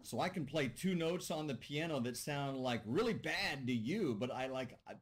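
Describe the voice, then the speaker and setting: A man's voice: medium pitch, animated, moderate pace, breathy edge. A man teaching a class over a video call, talking casually and joking with students as he thinks aloud. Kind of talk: online class discussion. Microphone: computer mic on a video call.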